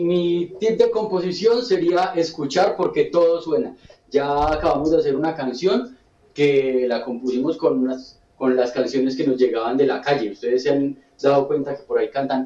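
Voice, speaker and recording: A man's voice: a little high, highs cut off. A man, a guest music teacher, explaining songwriting to children in a playful way and breaking into sung chants. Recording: roomy sound from a distant mic. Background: loud instrumental music.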